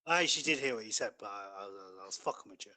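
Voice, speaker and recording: Male podcast co-host, mid-pitched and blunt, swears freely through loose casual banter. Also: animated, fast talker, pushed and bright.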